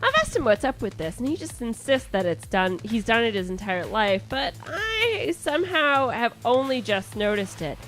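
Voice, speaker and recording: Over soft background music, a woman with a fairly high voice and a Midwestern accent reads a listener letter on her casual comedy podcast and riffs on it. She keeps a moderate pace with few pauses, sounding animated and frequently restarting or going off on asides.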